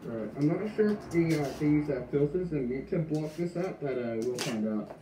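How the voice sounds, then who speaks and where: A man speaking through a gas mask in a casual product test, halting, with joking deadpan asides. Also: on the high side. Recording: roomy with clear background noise.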